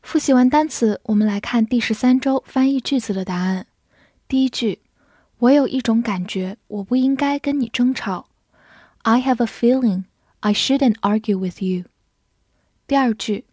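A woman English teacher narrating a vocabulary lesson, slowly repeating each word twice before giving its meaning. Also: a little high, mellow, no echo, studio quality. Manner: slow, drawn-out word repetition.

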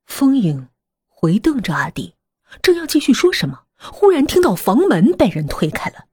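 A woman narrating a horror story in a hushed voice that often drops to a half-whisper. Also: a little high, huge pitch swings, normal speed, husky, no echo, clean studio sound.

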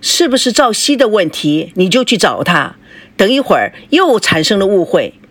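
A woman's voice: mid-range voice, big pitch swings, normal speed, a bit bright, no echo. A woman voicing a shrewd middle-aged mother who nags her husband and sweet-talks her daughter. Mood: persuading. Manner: nagging, persuasive, fawning.

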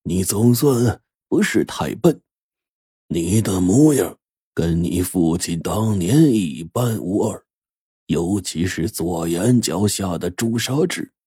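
A man voicing a scheming, gloating rich old boss in an audio story, speaking slowly and menacingly. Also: low-pitched, lively intonation, warm tone, breathy edge, no echo, studio quality, full character voice.

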